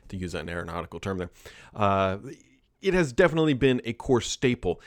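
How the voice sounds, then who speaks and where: A man's voice: medium pitch, no room sound, studio quality. A man giving casual solo video commentary, thinking aloud with frequent asides and self-corrections. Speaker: tech commentator.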